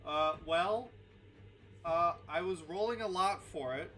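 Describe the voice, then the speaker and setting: A man's voice: high voice, takes it slowly, sharp tone. A man narrating as game master of a tabletop game, playful and teasing with his players.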